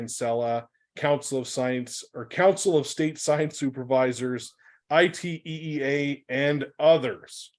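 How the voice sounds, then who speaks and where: A man hosting an online webinar, giving friendly, upbeat introductions of the speakers with a few fillers. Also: medium pitch. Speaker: webinar host.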